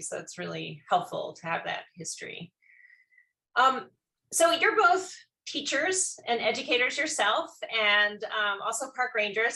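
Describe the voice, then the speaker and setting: Hosting a casual online panel chat, this woman speaks loosely, with plenty of fillers and false starts. Her mid-range voice is creaky and sharp-toned, and the recording is rough.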